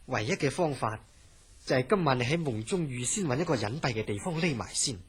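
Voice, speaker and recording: A male actor with a Hong Kong Cantonese accent plays a calm, reassuring hospital director in a horror radio drama. His mid-range voice is husky and measured, with a placating manner.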